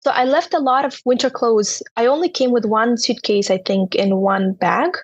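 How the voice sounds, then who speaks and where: A young interviewee from Turkmenistan shares her life story in a Turkmen-accented, halting way, her speech thick with "you know" fillers. Slightly high and breathy, her voice comes through dull audio with no room sound.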